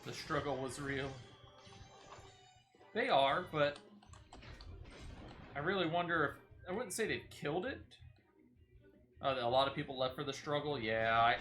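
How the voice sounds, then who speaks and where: A man who streams games talks easily with a viewer mid-play in a mid-range voice with a slightly bright edge.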